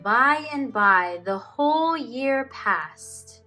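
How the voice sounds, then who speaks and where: A woman teacher presents a children's storybook and reads it aloud with expressive, emphatic storytelling. Her voice is a little high and very slow, with faint music behind her.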